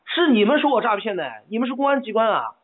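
Against a loud crowd, a man with a high-sitting, very animated voice argues over the phone at a quick pace. The tinny call carries his angry complaint, full of stammering and insistent repetition.

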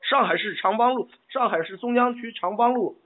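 A man's very high voice moves at a brisk clip as he calls in to complain. The line sounds tinny, and he's angry, stammering, insistently going back over his points again and again.

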